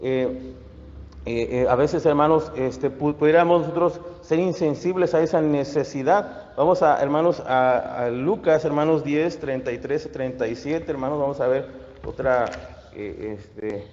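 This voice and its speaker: A male pastor giving a sermon, halting with many fillers and restarts. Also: fairly high pitch, darkish tone. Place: church. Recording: echoey hall, dull lo-fi sound.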